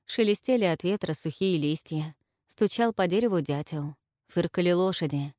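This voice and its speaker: A woman narrating a historical novel, her voice on the low side. She tells the story in a measured, even way. The recording is dry and close, with no room sound. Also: no echo. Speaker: audiobook narrator. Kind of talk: scripted narration.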